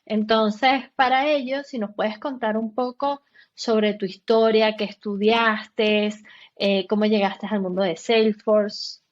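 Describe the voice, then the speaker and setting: A woman's voice: mid-range voice, steady tone, slow pace, muffled recording. A woman hosting a podcast, welcoming her guest and laying out the episode in a friendly, structured way. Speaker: podcast host. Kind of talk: podcast interview.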